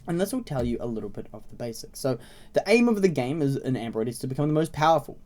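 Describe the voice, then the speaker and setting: Raspy man with a cold, mellow tone. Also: medium pitch, animated, fast. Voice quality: slightly raspy. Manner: informal, explanatory, often checking in with "okay?" and "right?". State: congested with a cold, frequent throat clearing. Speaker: video host introducing a browser game series. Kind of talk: casual tutorial commentary.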